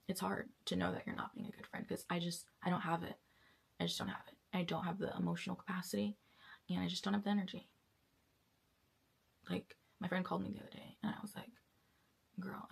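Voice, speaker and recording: A worn-out young woman speaks in a candid, casual vlog, her voice low-set with a gravelly fry and a husky edge. She talks in a loose, chatty way and now and then sinks into a near-whisper. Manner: chatty, drawn-out and weary, drifting into soft whispers. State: tired. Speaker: vlogger and actress.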